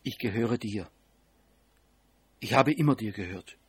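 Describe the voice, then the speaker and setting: A man voicing a tender young woman in love, speaking softly in an audiobook. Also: lowish voice, expressive, measured pace, breathy edge, heavily acted. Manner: soft whispered lines.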